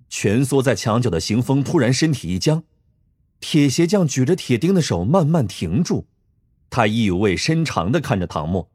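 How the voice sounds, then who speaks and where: A man narrating a dramatic audiobook in an expressive, tense storytelling manner. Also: on the high side, breathy edge. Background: faint music.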